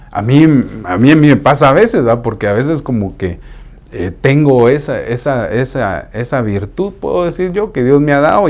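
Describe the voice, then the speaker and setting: A man preaching a sermon in a conversational way, dropping into hushed asides to act out what people say. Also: medium pitch.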